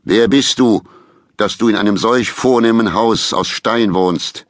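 A man's voice: deep voice, steady tone, normal speed, a bit bright, dry recording, studio quality. A man voicing a cruel, envious overlord who speaks in an imperious, domineering way. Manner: imperious, haughty.

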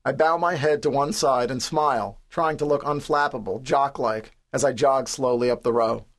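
A man in his forties from the New York City area reads his own memoir in a studio, with a mid-pitched voice. His delivery is wry and understated, poking fun at himself. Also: fairly even intonation, moderate pace. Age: 40s. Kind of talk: scripted audiobook narration.

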